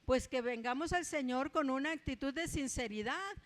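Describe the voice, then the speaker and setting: A Mexican woman with a Mexican accent preaching a conversational sermon, often tagging her points with a quick aside and telling personal stories with humor. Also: sits high. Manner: chatty, tags asides with ¿verdad?, tells personal stories with humor.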